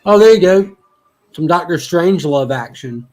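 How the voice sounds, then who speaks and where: A man's voice: on the high side, lively intonation, moderate pace, a little mellow. A man chats casually as a guest on a friend's livestream. He keeps the mood light with teasing jokes and laughs often as he talks. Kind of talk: casual chat.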